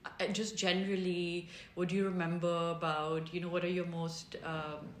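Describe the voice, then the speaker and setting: A woman's voice: on the low side, flat delivery, moderate pace. A woman asking interview questions in a casual, encouraging way, with fillers and hesitations. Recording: echoey room with faint ambient noise.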